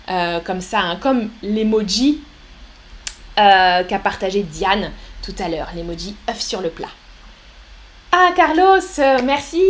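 Woman, French teacher, live online lesson, high voice, slow careful delivery, reads out viewer comments.

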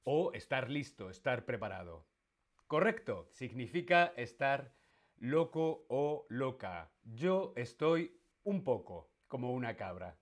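Man, Spain Spanish accent, teacher, live-stream lesson, unhurried, playful, mid-pitched. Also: big pitch swings. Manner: playful, quizzing, repeats questions; makes animal noises in jest.

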